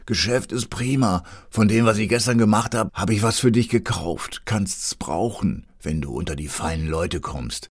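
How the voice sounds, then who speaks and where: A man's voice: lowish voice, normal speed, hardly any pauses, no echo, studio quality. A man voicing a breathless, eager young street boy who blurts everything out in one rush.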